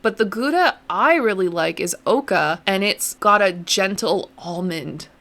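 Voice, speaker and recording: A woman's voice: mid-range voice, lively intonation, a little slow, a bit bright. A young adult woman hosting a podcast, chatting casually and poking fun at herself. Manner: chatty, self-deprecating, laughs often. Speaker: podcast host. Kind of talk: casual chat.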